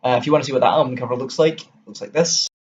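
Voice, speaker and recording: Talking very fast in a mid-range voice, a young Scottish man gives an enthusiastic, rambling album review to camera. He's a music vlogger from Scotland with a Scottish accent, and the sound is lo-fi.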